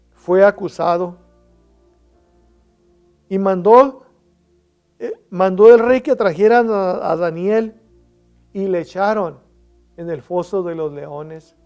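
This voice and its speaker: A man preaches a sermon in a high voice. He takes it slowly, stretching key phrases for emphasis. Soft music plays faintly behind him. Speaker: pastor.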